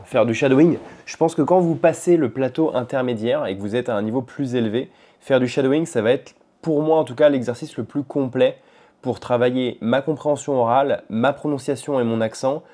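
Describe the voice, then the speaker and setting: A man chatting casually at home in a vlog about language learning, talking in a relaxed, rambling way with frequent hesitations. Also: medium pitch. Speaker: language-learning vlogger and podcaster. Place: at home in his apartment.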